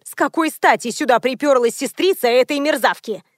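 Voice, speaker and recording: A woman voicing a furious, imperious older mother-in-law who scolds loudly in an audiobook. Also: sits high, a little fast, no room sound, studio quality, close to an everyday voice. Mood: indignant. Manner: loud, indignant, scolding.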